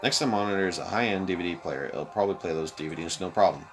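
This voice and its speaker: A young man hosting a let's play, reading a visual novel aloud with expressive commentary. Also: sits low, rapid-fire, faint music behind.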